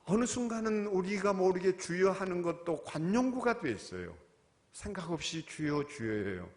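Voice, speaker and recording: Impassioned preacher in a reverberant church. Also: male voice, high-pitched, very animated, normal speed. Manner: impassioned, swings from quiet to shouted cries. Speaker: pastor. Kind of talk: sermon. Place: church sanctuary. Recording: long reverb of a church hall.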